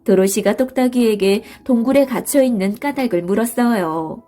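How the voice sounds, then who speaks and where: A woman narrating a bedtime story in a soft, slow, soothing way, with faint music behind her. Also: on the high side.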